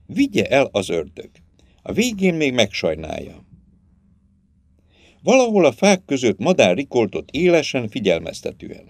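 A man narrates a novel as an audiobook in a dramatic storytelling manner. His voice sits mid-pitch but moves widely and expressively. The recording is dry and close with no room sound. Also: a little mellow, dry recording.

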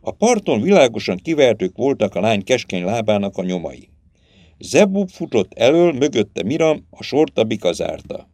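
A man narrating a novel as an audiobook, with expressive, dramatic storytelling. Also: medium pitch, no room sound.

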